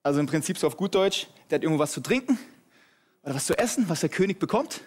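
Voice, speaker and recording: A male preacher giving an energetic, humorous sermon, addressing the audience directly. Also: fairly high pitch, quick pace, slightly rough.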